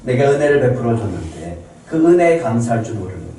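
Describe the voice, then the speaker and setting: In a church sanctuary, a male pastor preaches a sermon, posing questions to the congregation and pausing for their replies. His medium-pitched, mellow voice moves quickly with wide swings in pitch. The recording is very echoey, with a distant mic and faint background noise.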